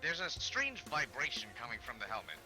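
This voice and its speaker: A man runs a tabletop game as game master. He narrates in a measured, halting way, pausing and filling the gaps. His voice sits at a middling pitch, with clear music playing behind him. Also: wildly swooping pitch.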